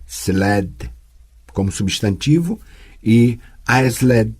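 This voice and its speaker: A man voicing a patient, teasing sorceress who tutors a girl, speaking calmly and gently chiding in an audiobook. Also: fairly low pitch, drawn-out words, husky, exaggerated voice. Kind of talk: audiobook character voice.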